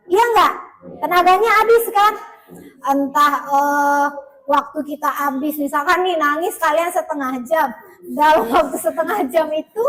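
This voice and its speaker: A woman's voice: very high voice, fairly bright tone, low-quality recording. A woman teacher leading a classroom lesson, often asking her students questions.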